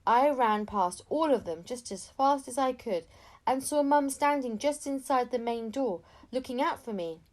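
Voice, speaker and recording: With a high voice at a moderate pace, a female audiobook narrator reads a children's story expressively. Between narrated passages, she acts out the dialogue.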